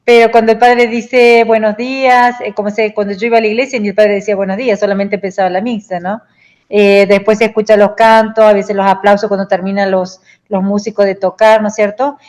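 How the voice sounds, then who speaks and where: A woman's voice: mid-range voice, level tone, a little fast, a little mellow. A woman student in an online class discussion, chatty and full of tag questions.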